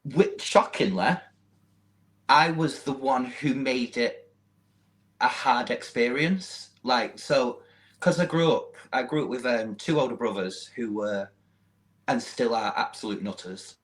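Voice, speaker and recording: A man's voice: mid-range voice, measured pace, low-quality recording. A young man from Manchester with a Mancunian accent, chatting casually as a podcast guest and often laughing at himself. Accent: Mancunian English. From Manchester, England. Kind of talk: casual chat.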